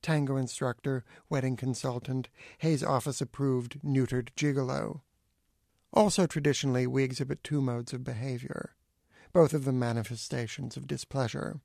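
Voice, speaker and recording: Brief: middle-aged male author, dry acerbic essay reading, gravelly edges, dead close dry mic. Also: mid-range voice, moderate pace, no echo. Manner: acerbic, deadpan wit.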